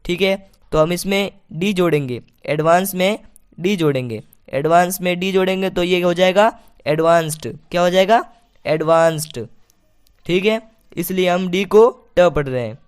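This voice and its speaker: A man's voice: high-pitched, clean tone. A man teaching English pronunciation, patiently repeating each point and asking it back as a question. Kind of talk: spoken lesson.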